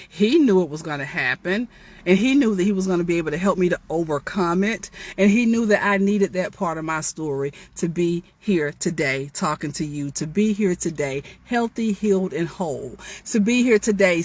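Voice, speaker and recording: In a medium-pitched voice, a woman author gives an inspirational storytime talk, reading from her memoir and breaking off into chatty, testifying asides aimed straight at her listeners.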